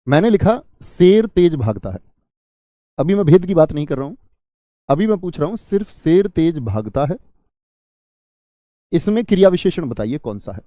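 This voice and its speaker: A man's voice: on the high side, very animated, warm tone, dry recording, clean studio sound. A man teaching Hindi grammar to an online exam-prep class, who asks the class questions and then answers them himself. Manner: explains slowly and repeats key terms.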